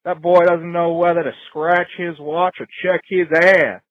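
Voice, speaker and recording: A man leaving a joking voicemail message in a slow, folksy, teasing drawl, played back from a recording. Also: a little high, flat delivery, dry recording, narrow, tinny audio.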